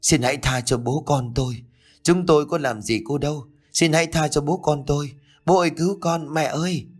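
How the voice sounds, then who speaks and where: A man's voice: medium pitch, expressive, moderate pace, natural voice. A man voicing a timid, easily frightened young son who stammers out his fears in an audiobook ghost story. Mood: pleading. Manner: stammering and fearful.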